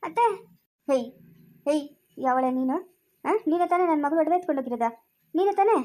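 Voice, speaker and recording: A woman's voice: sits high, animated, fast, darkish tone. A woman playing a stern older mother-in-law in a homemade comedy skit, scolding with repeated questions.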